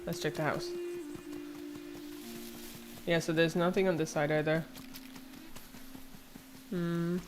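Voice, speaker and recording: A woman's voice: deep voice, slow, long pauses. Chatty Irish woman gaming over music. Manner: chatty, excitable, squeals when delighted. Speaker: game streamer. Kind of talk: casual gameplay commentary. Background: game music.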